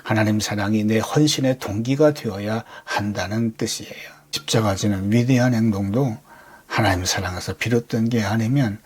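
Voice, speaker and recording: A man's voice: fairly low pitch, moderate pace, a little mellow, husky. A man preaching a Sunday sermon as a pastor, talking conversationally and firing off rhetorical questions.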